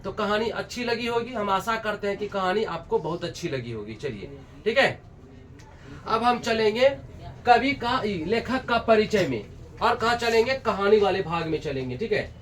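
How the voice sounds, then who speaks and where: Man teaching a class, retells a story, keeps asking questions, high voice, sits far from the mic. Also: normal speed, slight background noise. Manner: lively, with constant check-in questions.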